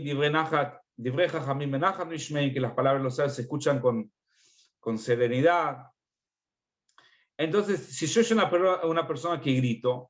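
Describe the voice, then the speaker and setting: A man's voice: fairly high pitch, lo-fi sound. A man, a rabbi teaching a religious parenting class, earnest and explanatory, often restarting his phrases. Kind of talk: religious parenting lesson over video call. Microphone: video call.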